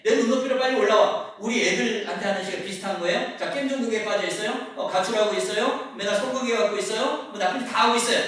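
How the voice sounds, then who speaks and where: A man in his fifties, a teacher and pastor, giving a lively seminar talk to parents in a church and acting out kids' greetings as he goes. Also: very high voice. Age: 50s. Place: church hall. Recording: echoey hall from far off.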